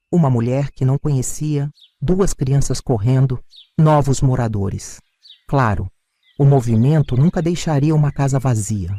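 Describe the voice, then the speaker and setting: A man narrating a dramatic first-person story in a scripted, expressive way. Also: fairly high pitch, no echo, clean studio sound.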